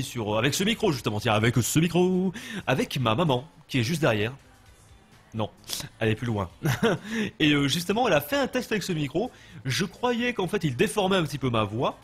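A man's voice: on the high side, a bit bright, husky. A young man with a French accent giving loose, chatty live commentary while playing a game and answering his chat. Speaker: gaming livestreamer.

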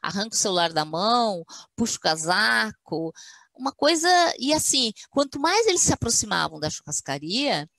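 Woman on a webinar, animated, stern mom voice for the quotes, dry sound. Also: mid-range voice, normal speed, vocal fry, no echo. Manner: animated, acts out quotes in a firm "mother's voice". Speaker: guest speaker, university academic. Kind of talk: webinar conversation, storytelling.

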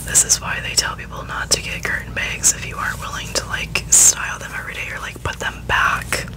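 Woman in her twenties, American accent, whispered ASMR, casual chat, close microphone. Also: fairly quick. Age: 20s. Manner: whispering throughout. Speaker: ASMR video creator. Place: bedroom, indoors. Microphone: close microphone resting on the bed.

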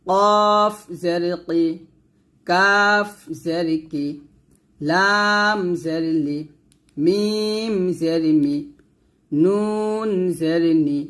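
A man's voice: sits high, drawn-out words, long pauses, pushed and bright. A man with a Bangladeshi accent teaching Quran reading, spelling each Arabic letter with its vowel mark and then blending the syllables into words. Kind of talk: slow spelled-out recitation lesson.

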